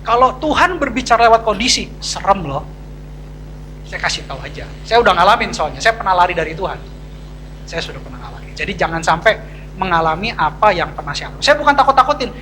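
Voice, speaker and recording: A man's voice: high voice, very animated, fast, bright, forceful tone, slight background noise, low-quality recording. A man, a pastor, preaching a sermon to a church congregation in a chatty, confiding way with slangy asides. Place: church service.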